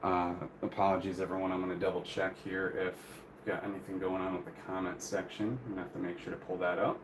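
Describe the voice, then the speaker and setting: A man's voice: low voice, flat delivery, fast. A man hosting a casual, unscripted live stream, talking in a rambling, apologetic way as he works with his hands. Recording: clear noise, crinkling plastic and paper. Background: crinkling bags and paper rustle.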